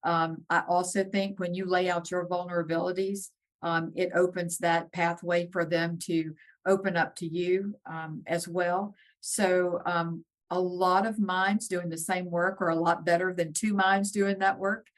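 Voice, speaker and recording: A woman's voice: on the low side, flat delivery, a little slow. A woman guest in a podcast interview, speaking earnestly with frequent ums and restarts. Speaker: guest, nursing executive.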